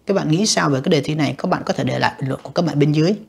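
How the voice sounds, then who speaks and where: Gravelly, husky teacher. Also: mid-range voice, very fast, darkish tone. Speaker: English teacher. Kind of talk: exam answer walkthrough.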